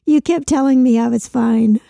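A woman co-hosting a podcast in casual chat, with a gravelly voice from a chest infection. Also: a little high, normal speed, mellow, no echo, clean studio sound. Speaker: podcast co-host.

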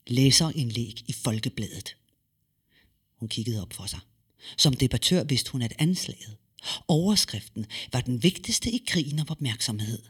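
A man reading a story aloud with lively, expressive delivery and dramatic pauses. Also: mid-range voice, slightly rough. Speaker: narrator.

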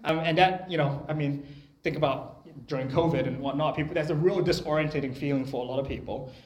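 A man's voice: fairly high pitch, fast talker, a little mellow. Young male preacher, echoey hall. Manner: conversational, personal storytelling. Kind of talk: sermon. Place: church.

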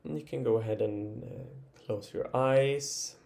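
A meditation teacher leads an improvised guided body relaxation, his medium-pitched voice creaky. He speaks gently and haltingly, leaving long pauses.

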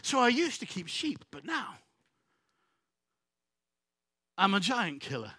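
A humble young shepherd-warrior , as a preacher puts him on, explains himself with plain earnestness. The voice sits high and bright. It is recorded close and dry. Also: male voice, big pitch swings, moderate pace, breathy edge, no echo, exaggerated voice. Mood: earnest.

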